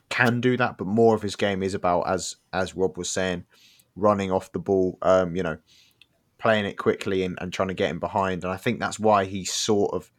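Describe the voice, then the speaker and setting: A man co-hosting a podcast, blunt and joking, breaking down play in detail. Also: deep voice. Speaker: podcast co-host. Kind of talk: casual podcast chat.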